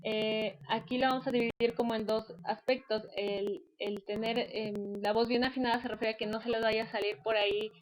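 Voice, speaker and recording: A woman's voice: on the high side, flat delivery, moderate pace, few pauses, low-quality recording. A woman teacher, giving an online class lecture in a patient, explanatory way with frequent fillers.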